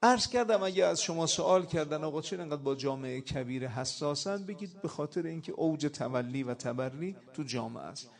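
A man preaching a sermon with passion, rising loud on quoted Arabic and key points. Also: fairly high pitch, creaky, few pauses.

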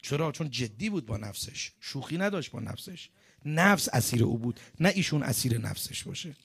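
A man's voice: medium pitch, big pitch swings, creaky, breathy edge. Man preaching a dramatic sermon. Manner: dramatic storyteller, swings between loud outbursts and hushed lines. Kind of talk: sermon storytelling.

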